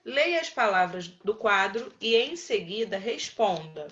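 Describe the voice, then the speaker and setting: Professora brasileira paciente, voz clara e brilhante. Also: female voice, medium pitch, sing-song, fairly bright tone, highs cut off. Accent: Brazilian Portuguese. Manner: patient, slow, calls on pupils by name and repeats answers. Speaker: primary school teacher. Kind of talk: online class, quizzing pupils.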